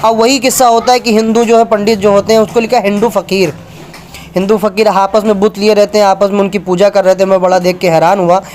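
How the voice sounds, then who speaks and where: A man's voice: sits high, level tone, fast, darkish tone, slight background noise. A man giving an argumentative religious talk, reading passages from books and pointing viewers to pages. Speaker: religious speaker.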